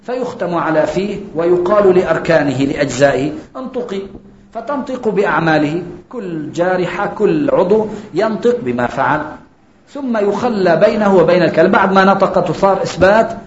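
A man preaching a sermon, explaining each point and slowing down for quotations. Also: high voice, lively intonation, a little hiss or hum. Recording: echoey dull lo-fi recording.

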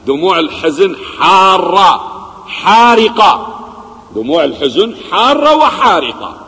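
A man giving a religious lesson, asking rhetorical questions and swinging between loud emphasis and quiet low asides. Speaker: preacher. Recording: long hall reverb.

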